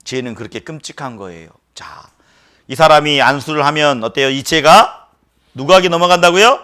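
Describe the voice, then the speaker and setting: A man's voice: fairly high pitch, moderate pace, pushed and bright, smooth. A male pastor preaching a sermon who keeps questioning the congregation and stresses his points emphatically.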